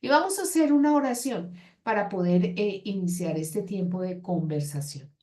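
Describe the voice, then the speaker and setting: A woman's voice: medium pitch, animated, moderate pace, dark tone. Woman teaching a counseling class, chatty, acts out little dialogues as she talks. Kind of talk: classroom lecture.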